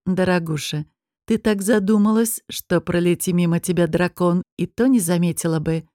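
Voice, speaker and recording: A woman voicing a sneering, smug male high demon nobleman in an audiobook, with a mocking, taunting drawl. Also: normal speed, a little mellow, no room sound, studio quality, natural voice. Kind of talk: audiobook character reading.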